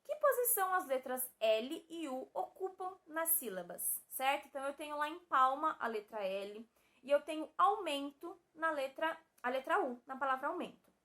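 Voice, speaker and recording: Bright high-voiced Brazilian woman teaching. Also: animated, moderate pace. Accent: Brazilian Portuguese. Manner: explains step by step, keeps checking in with "certo?" and "tá?". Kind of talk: recorded video class.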